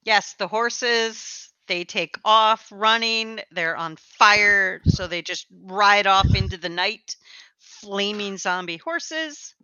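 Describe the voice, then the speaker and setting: A woman's voice: medium pitch, slow, sharp tone, clean tone, no echo, lo-fi sound. A woman speaking as game master, casually narrating a tabletop game.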